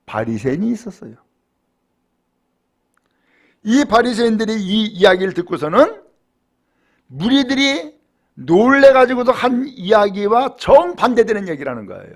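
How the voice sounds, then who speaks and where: High gravelly-voiced male pastor preaching. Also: very animated, normal speed, pauses often. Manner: swings between hushed low telling and raised emphatic preaching; asks rhetorical questions. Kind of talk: sermon. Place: church.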